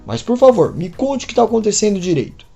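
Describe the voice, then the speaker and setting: A woman voicing a gentle, caring man who speaks in a soothing, concerned way. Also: medium pitch, big pitch swings, quick pace, creaky, soft background music.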